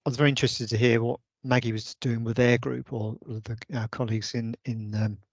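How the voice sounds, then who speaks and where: A man's voice: medium pitch, flat delivery, a little fast, no echo, highs cut off. A man on an online meeting call, suggesting ideas in a hesitant way with many restarts. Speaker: vice chair of a users' group meeting. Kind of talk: casual online meeting discussion. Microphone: video call.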